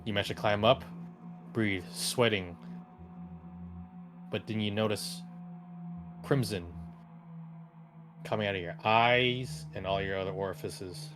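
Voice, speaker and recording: A man acting as game master, telling the scene in slow, hushed, theatrical narration and calling for dice rolls. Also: fairly low pitch, music in the background. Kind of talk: dramatic narration of a tabletop game.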